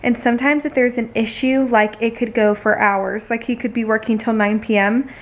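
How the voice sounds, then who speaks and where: A young adult woman vlogging casually, telling stories in a chatty, animated way full of "like". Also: fairly high pitch, moderate pace. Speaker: lifestyle vlogger. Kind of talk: casual vlog chat and storytelling.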